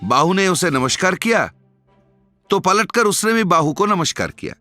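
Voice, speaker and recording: A man narrating a cartoon story in a lively storytelling manner, ending with a moral. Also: sits high, moderate pace, faint music behind.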